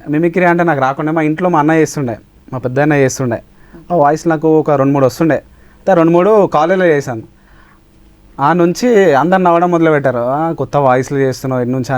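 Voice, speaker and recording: A man's voice: fairly high pitch, darkish tone, no room sound. Polite young man. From Telangana, India. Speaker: guest, mimicry artist. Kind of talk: casual interview chat.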